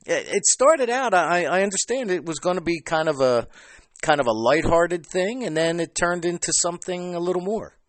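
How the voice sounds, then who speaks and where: A man hosting a podcast interview, chatting casually and halting with fillers and restarts. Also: high voice, lively intonation, dry recording. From New Jersey. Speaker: podcast host.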